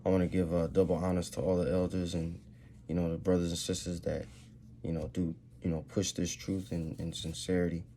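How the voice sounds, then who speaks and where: A man teaching from scripture in a loose, casual way, reading the old verses slowly and then explaining them in street slang, often stumbling and repeating words. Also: low-pitched, level tone, mellow, slight background noise. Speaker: bible teacher.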